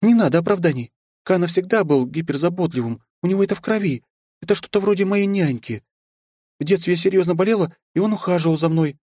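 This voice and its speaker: A young noblewoman speaks high and firm, used to being obeyed yet warm underneath, as a man puts her on. The audiobook voice sits close and dry, with no room around it. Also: fast, no echo. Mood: earnest. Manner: high falsetto, firm and imperious. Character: young noblewoman, kind but commanding. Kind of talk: audiobook character voice.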